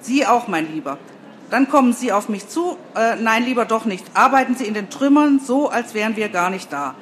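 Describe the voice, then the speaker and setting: A woman's voice: a little high, lively intonation, a little hiss or hum, natural voice. A woman voicing a bossy, self-important young female TV reporter who orders everyone around. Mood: commanding. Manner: commanding, brisk, self-important.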